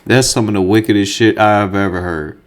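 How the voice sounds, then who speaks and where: A man giving a casual reaction commentary on a video. He is animated and incredulous, uses slang and swears often. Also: lowish voice, fairly quick.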